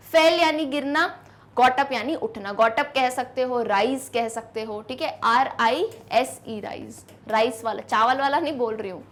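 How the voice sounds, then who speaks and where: A woman explains an English lesson in a high, clear voice. She spells words out letter by letter and reads example sentences at a slow, careful pace. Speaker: English teacher.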